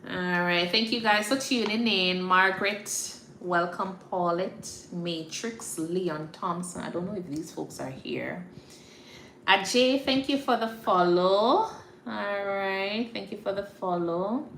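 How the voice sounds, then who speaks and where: Animated and taking it slowly, this Jamaican-accented nurse practitioner speaks in a medium, slightly bright voice while casually chatting to followers on her livestream. She frequently checks that listeners follow her, and there's echo and faint background noise in the room.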